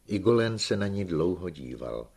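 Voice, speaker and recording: A man reading a novel aloud as an audiobook narrator, in measured, unhurried scripted narration. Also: low voice, big pitch swings, darkish tone, husky.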